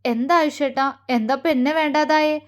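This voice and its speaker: A woman's voice: high-pitched, steady tone, normal speed, lightly acted. Tearful fiery young wife, read by a woman. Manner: choked, pleading, then sharp and scornful.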